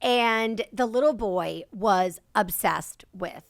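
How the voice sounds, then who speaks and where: A young woman hosting a podcast, chatting casually and telling an animated story with lots of giggles and swearing. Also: medium pitch, slow pace, gravelly, dry recording, clean studio sound. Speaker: podcast host. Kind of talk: casual chat.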